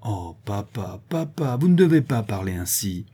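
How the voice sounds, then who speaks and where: A man voicing a firm, sharp-tongued young woman. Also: on the low side, big pitch swings, moderate pace, slightly rough.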